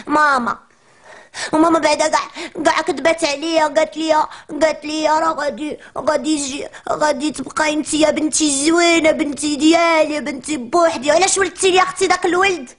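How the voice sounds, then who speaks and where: A woman's voice: high-pitched, fairly even intonation, fast, lightly acted. A woman playing a whiny Moroccan little girl. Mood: complaining. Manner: whiny complaining childish chatter. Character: chatty cheeky little preschool girl. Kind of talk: comic monologue.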